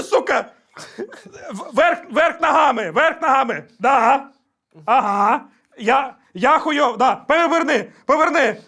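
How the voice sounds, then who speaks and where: A man's voice: extremely high pitch, sharp tone. A young man, a game show contestant, calls out short repeated directions to a teammate, swearing and laughing often. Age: young adult.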